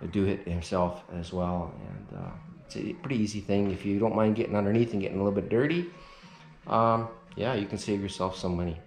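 A man in his fifties giving a relaxed, rambling how-to walkthrough, full of fillers, filmed on a handheld camera inside an empty mobile home. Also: lowish voice, slight background noise. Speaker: renovation vlogger. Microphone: action camera held at arm's length. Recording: echoey bare room.

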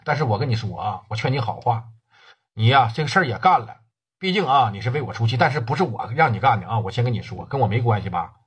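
A man playing an evasive smooth talker, husky voice, pitch swinging up and down, pushy and repetitive. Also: animated, fast talker. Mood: insistent. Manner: pushy, repeating himself to drive the point home. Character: slick evasive man dodging blame on a phone call.

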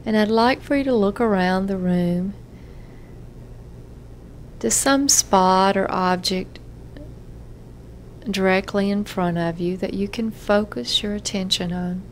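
In a guided self-hypnosis session for relaxation, a female therapist speaks in a medium-pitched voice, giving calm, measured directions with many pauses. Slight hiss or hum can be heard.

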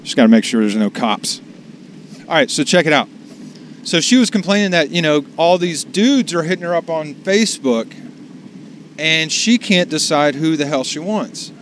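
A man's voice: fairly high pitch, expressive, normal speed, fairly bright tone, slight background noise. A man chatting casually to the camera while driving for food deliveries, rambling and salty. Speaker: delivery driver vlogger. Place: in a car.

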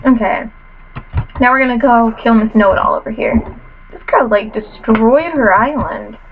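A woman's voice: a little high, normal speed, gravelly, slight background noise. Sniffly teen girl gaming, dull mic. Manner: chatty, self-mocking, playful trash talk. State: sniffly after a cold. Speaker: gamer commentator. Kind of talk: casual gameplay commentary.

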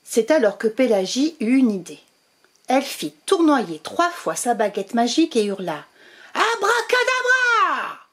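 A woman storyteller reading a children's picture book aloud, with slow, expressive narration. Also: a little high.

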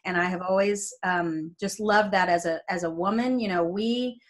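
A woman in her forties from New Jersey, a guest telling lively family stories over a video call from her home. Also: mid-range voice, moderate pace. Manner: animated storyteller who acts out quoted family members. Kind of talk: casual faith interview.

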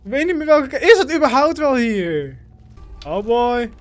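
A man giving playful, excitable let's-play commentary, talking to his in-game companion. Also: extremely high pitch, normal speed, music in the background. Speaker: gaming channel host.

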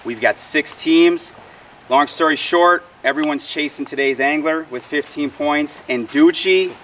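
A man's voice: fairly high pitch, measured pace, a bit bright. A man hosting a fishing tournament, giving an upbeat introduction to camera outdoors on a lakeshore. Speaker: tournament host. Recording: distant outdoor voice, faint noise.

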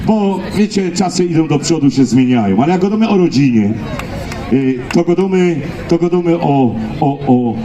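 Male stage entertainer, Silesian accent, high and very lively voice, folksy comic storyteller working a crowd over an echoey PA. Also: moderate pace, slight background noise. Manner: folksy, exclamatory, repeats phrases, addresses the crowd. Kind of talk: comic storytelling to a live audience. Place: live stage at a picnic event. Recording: echoey live PA with music.

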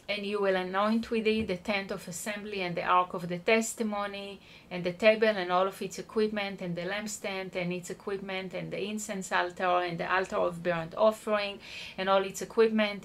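A woman leads an online Bible study with a medium-pitched, steady voice at normal speed. She explains patiently, spells out words, and checks in with her listeners by asking "okay?".

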